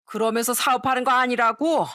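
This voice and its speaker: A woman's voice: fairly high pitch, steady tone, a little fast, pushed and bright, no room sound, clean studio sound. A woman voicing a drunk, blunt older father-in-law who rambles and scolds, in a storytelling radio style. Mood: tipsy grumbling.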